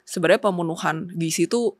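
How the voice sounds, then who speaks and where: A woman's voice: on the low side, fast, no room sound, clean studio sound. Woman explaining facts in casual chat. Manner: explains with figures, many fillers, mixes in English words. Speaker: guest expert, company co-founder. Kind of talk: casual talk show interview.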